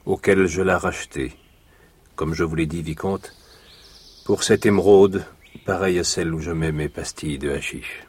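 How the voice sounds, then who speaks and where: An actor in a 1980s radio drama playing a composed nobleman who speaks calmly and courteously. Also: low-pitched, unhurried, pauses often, breathy edge. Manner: calm, courtly, assured. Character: Count of Monte Cristo, commanding, composed nobleman.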